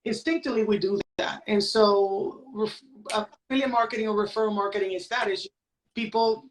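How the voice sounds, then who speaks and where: A woman in her late 40s from San Juan, Puerto Rico, a crypto educator appearing as a podcast guest, explains things in a casual interview and keeps checking in with "right?". Her medium-pitched voice is fairly quick with fairly even intonation. The recording is rough, with a little hiss or hum.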